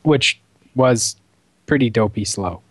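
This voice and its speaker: A man co-hosting a casual car podcast, wry and teasing, with halting starts. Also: medium pitch, animated, fairly bright tone, husky, dry recording. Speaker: podcast co-host. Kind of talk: casual chat.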